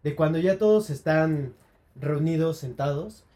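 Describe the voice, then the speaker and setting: Male co-host, mellow slightly high voice, halting delivery with many restarts. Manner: hesitant, restarts words often. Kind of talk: casual movie discussion.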